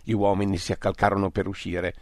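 A man reading an audiobook story aloud in a steady narrating manner. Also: deep voice, fast, creaky, dry recording, clean studio sound.

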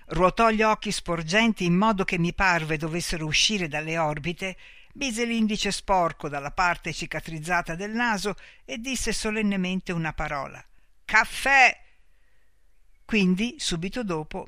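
A man reading a story aloud as narrator, expressive and lively in his storytelling. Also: sits high, dry recording, studio quality. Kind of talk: audiobook reading.

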